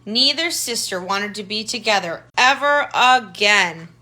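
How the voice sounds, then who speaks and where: A woman tutor with a medium-pitched, bright voice reads a picture book aloud to children at a measured pace, sounding animated and forceful. She adds simple explanatory asides in child-directed language and points things out with questions and remarks.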